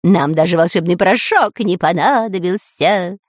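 A woman's voice: fairly low pitch, normal speed, no echo, clean studio sound, close to an everyday voice. A woman doing a crowing villain's parrot. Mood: gloating. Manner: gleeful and crowing. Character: gloating villain's parrot, male, boastful. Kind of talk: children's audiobook voice acting.

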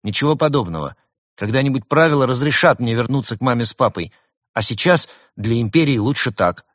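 A man's voice: mid-range voice, animated, fairly quick, a bit bright, dry recording, studio quality, pitched above the performer's own voice. A man doing a sulky tiger cub boy. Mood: earnest. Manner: grumbling, earnest. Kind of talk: audiobook reading.

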